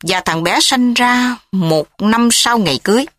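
A woman voicing a distraught young wife in a read-aloud story, speaking in a raised, shrill, pleading voice. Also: animated, moderate pace, fairly bright tone, dry recording, studio quality. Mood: angry.

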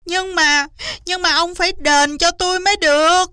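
A woman's voice: fairly even intonation, normal speed, sharp tone, no room sound, clean studio sound. A woman voicing a sly, boastful male fox who whines and fake-cries in a storybook reading. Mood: whiny. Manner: high, shrill, wailing and whining.

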